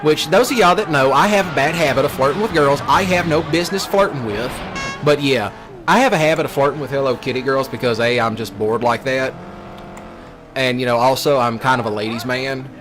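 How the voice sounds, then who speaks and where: A young Southern-accented man from Mississippi rambles and rants casually over a let's play, joking and poking fun at himself in colloquial speech. His voice sits at medium pitch and moves briskly. The background is noisy, with game music and vehicle sounds.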